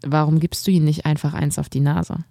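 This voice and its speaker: Stern old shopkeeper in an audiobook, gravelly and low, as a woman reads him, questioning slowly in a dry booth. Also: little pitch movement, dark tone, no room sound. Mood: stern, probing. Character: gruff, disapproving old male shopkeeper. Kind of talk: audiobook character voice.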